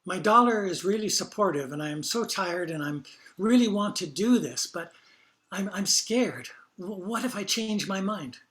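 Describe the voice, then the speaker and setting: A woman's voice: medium pitch, expressive, moderate pace, fairly bright tone, pitched above the performer's own voice, lightly acted. A man voicing a tired, frightened woman patient in care, who speaks anxiously and stammers.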